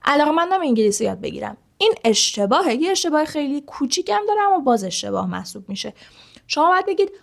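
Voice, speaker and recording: Woman, English teacher, slightly high voice, lively, rhetorical questions, slow careful example sentences. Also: vocal fry. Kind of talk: online language lesson.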